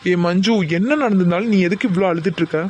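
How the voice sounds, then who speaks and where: Protective young man, voiced by a performer for a homemade cartoon; coaxing, quick talker, everyday pitch. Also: a little mellow. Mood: comforting. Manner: coaxing, reassuring. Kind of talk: amateur cartoon voice acting.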